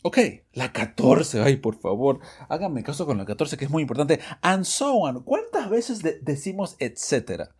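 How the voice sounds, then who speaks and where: A man teaching English phrases in a Spanish-language lesson podcast, lively and self-correcting, reading the example sentences slowly. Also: a little high, slightly rough. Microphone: studio microphone, audio only.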